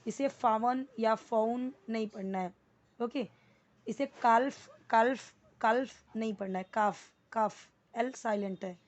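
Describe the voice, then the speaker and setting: A woman's voice: on the high side, darkish tone, lo-fi sound. A woman teaching an English vocabulary lesson, asking questions and answering them herself, repeating each word for practice. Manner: asks questions then answers them, repeats words for drill.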